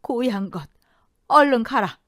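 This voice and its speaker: A woman's voice: fairly high pitch, expressive, measured pace, fairly bright tone, no echo, clean studio sound, pitched above the performer's own voice. A woman voicing a tearful, fierce old grandmother. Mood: scolding. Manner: tearful, scolding, protective. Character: elderly grandmother, rice-mill owner, fierce but grieving. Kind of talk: audio drama reading.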